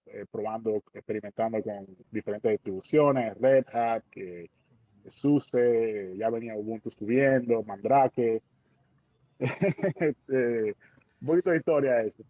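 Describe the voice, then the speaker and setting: A man's voice: mid-range voice, no echo, muffled recording. A man in his forties with a Dominican accent, speaking as a guest in an online panel talk, hesitant with many fillers and tag questions. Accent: Dominican Spanish. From Dominican Republic.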